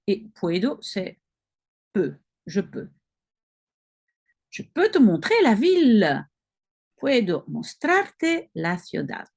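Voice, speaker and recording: A woman with a Belgian French accent, reading practice sentences slowly and carefully, explaining and correcting herself as she goes. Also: a little high, creaky. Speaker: language-learning video host. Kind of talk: reading practice dialogue aloud.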